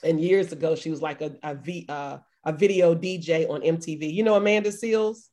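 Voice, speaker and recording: Animated woman telling a story. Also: sits low, a little fast. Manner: animated storytelling, laughing often. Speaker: podcast co-host. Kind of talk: casual chat.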